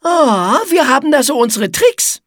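A woman's voice: high-pitched, lively intonation, measured pace, no echo, studio quality, pitched above the performer's own voice. Woman doing prissy spider cheerleader Igitte. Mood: eager. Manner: prissy and easily offended. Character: prim, conceited young female spider cheerleader.

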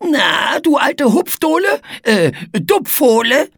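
A woman's voice: high voice, very animated, slow pace, vocal fry, slightly rough, no echo, clean studio sound, pitched above the performer's own voice, heavily acted. A woman voicing a grumpy male bug who growls and garbles his words in a storybook reading. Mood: mocking.

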